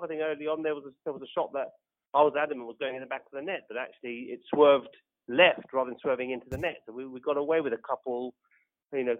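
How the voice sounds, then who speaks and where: Over a narrow, phone-like line, a man gives his take as a football fan guest. His commentary is unscripted and stop-start, with words repeated as he thinks, in a mid-pitched voice. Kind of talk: unscripted post-match commentary. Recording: tinny, phone-like call.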